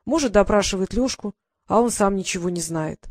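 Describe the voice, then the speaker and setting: Female audiobook narrator, mid-pitched, steady expressive reading, dry. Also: a little fast, dry recording.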